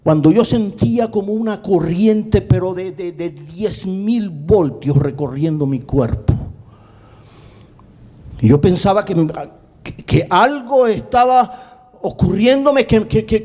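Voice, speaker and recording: A male pastor telling a personal story in a sermon, dramatic, repeating words and swinging between quick bursts and slow, drawn-out phrases. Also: sits high, warm tone. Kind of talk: sermon testimony.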